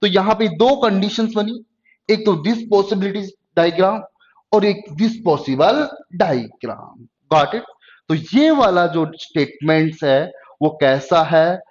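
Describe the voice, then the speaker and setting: High-voiced tutor, very slow dictation. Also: male voice. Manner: slow, drawn-out dictation of English phrases, frequent "got it?" checks. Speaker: online exam-prep tutor. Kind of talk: classroom lecture mixing Hindi and English. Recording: dull lo-fi lecture audio.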